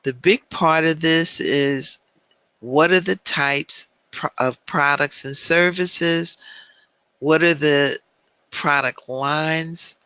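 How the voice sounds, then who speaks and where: A man teaching an online business planning class, speaking in a measured way with frequent filler ums. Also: fairly high pitch, bright, forceful tone, clear, resonant tone, no room sound.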